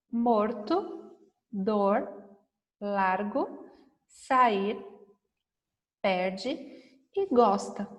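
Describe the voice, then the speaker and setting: A woman teacher correcting a lesson for first graders, talking slowly and patiently, stretching out words and often checking understanding. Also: mid-range voice, in a large hall, far from the mic. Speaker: primary school teacher.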